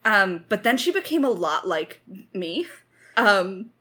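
The lead writer of an audio drama, a woman, speaks slowly in a mid-range voice that is very animated, pushed and bright. In a casual Q&A she reflects on her work with some self-deprecating humour.

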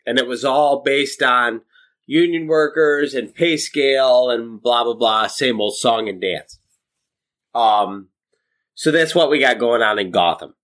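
A middle-aged man talks through a movie with a co-host in loose, casual chat. His delivery wanders, full of fillers, restarts and cheerful swearing, and his pitch sits in an ordinary middle range. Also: a little slow, fairly bright tone. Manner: rambling, profane, many fillers and restarts. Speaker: podcast co-host.

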